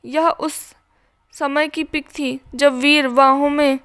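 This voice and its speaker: A woman storyteller gives a scripted narration in a measured, plain manner. Her voice is high and fairly flat. She reads at a slow pace.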